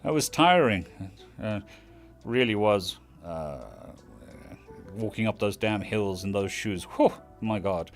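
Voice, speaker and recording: With faint music behind him, a South African man whose accent carries British tones chats casually on a stream and thanks viewers by name. His voice is on the low side, animated, and slow-paced.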